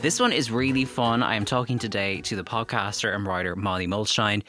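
A man's voice: on the low side, a little fast, pushed and bright, soft background music. An Irish man hosting a podcast, introducing the show and chatting casually with his guest. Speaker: podcast host.

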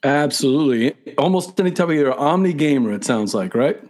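Chatty male talk show host, slightly husky. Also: on the high side, expressive, a little fast, darkish tone. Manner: chatty, casual, addresses viewers directly. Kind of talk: upbeat live talk show hosting.

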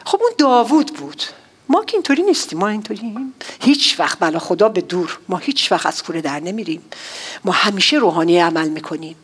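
Animated woman preaching a sermon. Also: fairly low pitch, husky. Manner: animated storytelling, acting out characters' outbursts. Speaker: pastor.

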